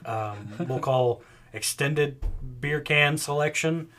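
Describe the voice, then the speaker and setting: A man's voice: a little high, slow pace, slight background noise. A man co-hosting a casual drinking podcast, telling rambling stories and acting out the people in them. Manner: rambling storyteller, acts out loud quoted voices. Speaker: podcast co-host.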